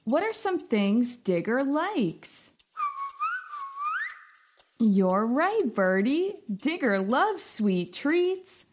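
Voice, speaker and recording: A woman hosting a children's story podcast, talking to the listener in a bright, encouraging, sing-song way, with music playing behind. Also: a little high, very animated, very slow, pauses often. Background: background music.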